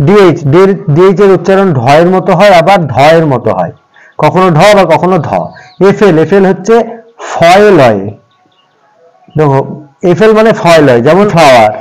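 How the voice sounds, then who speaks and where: A man's voice: sits high, poor audio. A man teaching an English pronunciation lesson, patiently repeating examples and speaking to viewers as friends.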